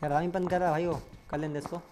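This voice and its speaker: A man streaming a mobile shooter, chatting with teammates in crude slang and bursting into excited yelling. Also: fairly high pitch, fast talker. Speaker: gaming streamer. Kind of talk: live gameplay commentary with teammates. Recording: noisy game stream audio.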